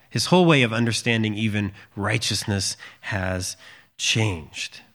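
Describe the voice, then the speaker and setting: A man's voice: fairly low pitch, fairly bright tone. Conversational male preacher, many restarts. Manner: conversational, frequent fillers and restarts. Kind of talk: sermon.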